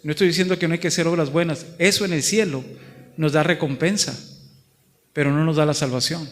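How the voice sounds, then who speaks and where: Male Mexican pastor, northern accent, high voice, emphatic sermon, long hall reverb. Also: steady tone, brisk. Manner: preaches with rising emphatic repetition, acts out dialogue. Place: large church hall.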